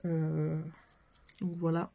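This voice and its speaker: A woman's voice: sits low, completely flat delivery, very slow, creaky, lo-fi sound, background noise. Chatty young woman vlogger. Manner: chatty, full of fillers like "franchement" and "euh". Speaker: beauty vlogger. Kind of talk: casual makeup haul chat.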